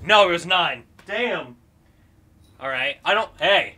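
A young adult man doing excited video game commentary as a streamer, exclamatory and jokey, talking in casual slang. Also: fairly high pitch, slow pace.

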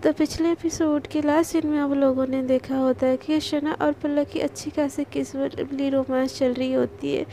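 A woman's voice: high-pitched, little pitch movement, normal speed, few pauses, warm tone, slight background noise. A woman storyteller narrating a love story in a chatty way, talking straight to her listeners. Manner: chatty, addresses listeners directly.

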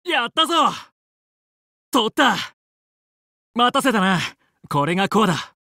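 A man playing a young, confident fox space pilot and team leader in a video game, brisk, determined and commanding yet friendly. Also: high voice, very animated, bright, forceful tone, no room sound, studio quality, full character voice. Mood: determined, urgent. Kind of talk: Japanese video game voice acting.

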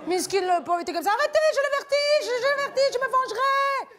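A brash Tunisian aunt. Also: female voice, very high-pitched, expressive, fast, over a noisy crowd. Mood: flirty gossip. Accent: Tunisian French. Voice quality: loud, teasing, rambling. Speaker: comic guest. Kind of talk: TV comedy sketch character. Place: TV studio. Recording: studio audience laughter.

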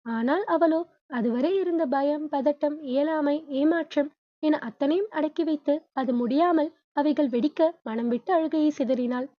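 A woman narrates a novel with a steady storytelling read. Her voice sits high. The sound is dry and close, with a dull, lo-fi tone. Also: measured pace, no room sound. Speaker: audiobook narrator.

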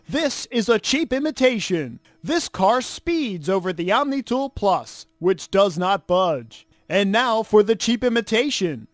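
A man playing an enthusiastic, earnest infomercial announcer in a parody ad, stretching key phrases for emphasis. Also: high-pitched. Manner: salesy, drawn-out emphatic phrase endings.

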